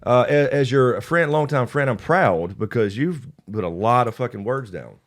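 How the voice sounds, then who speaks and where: A man's voice: mid-range voice, animated, moderate pace. Blunt man in casual podcast chat. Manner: blunt, casually profane, interjects agreement. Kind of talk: casual conversation.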